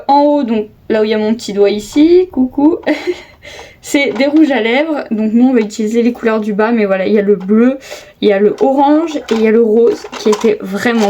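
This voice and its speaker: Young woman beauty vlogger, slightly high voice, casual and hesitant, phone-recorded at home. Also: warm tone. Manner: chatty, lots of hesitations and repeated "trop, trop beau". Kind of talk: casual make-up tutorial chat. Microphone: phone camera.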